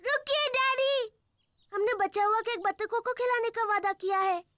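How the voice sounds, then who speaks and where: Peppa Pig, very high-pitched little girl. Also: normal speed, sharp tone, no echo, clean studio sound. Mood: eager. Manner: eager, emphatic, childlike. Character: cheerful bossy little girl pig, eager and proud. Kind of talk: Hindi cartoon dub.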